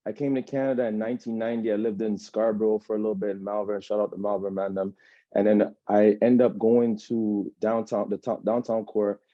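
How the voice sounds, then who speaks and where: In a dull, lo-fi recording without echo, a man in his thirties with a Jamaican accent shares his own story in a sit-down interview. He talks fairly quickly at a fairly low pitch with a level tone, rambling and repeatedly saying "you know what I'm saying."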